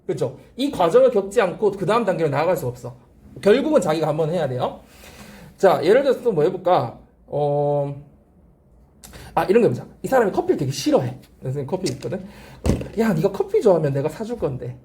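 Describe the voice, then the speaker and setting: A woman's voice: fairly low pitch, very animated, a little fast, warm tone. A woman teacher lecturing on English grammar, modelling phrases aloud and coaxing the class to repeat after her.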